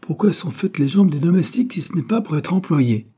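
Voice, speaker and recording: A man doing a spoiled, insolent teenage boy who sneers and orders others about, his scornful lines set a little higher than plain reading. The tone is mellow and a bit husky. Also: animated, brisk. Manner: scornful, bossy.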